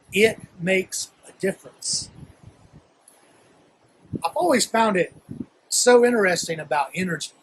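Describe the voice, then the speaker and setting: A man's voice: sits high, a little hiss or hum, low-quality recording. A man with a Southern accent giving an earnest, reflective sermon as a guest minister, speaking to a camera. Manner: earnest, reflective, building to emphatic calls.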